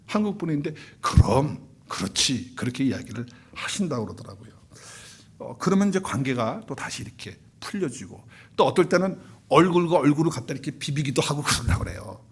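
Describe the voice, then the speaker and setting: Preaching a Sunday sermon in a church sanctuary, a male pastor with a Korean accent asks the congregation questions and acts out couples he quotes. His mid-range voice is gravelly and slightly rough.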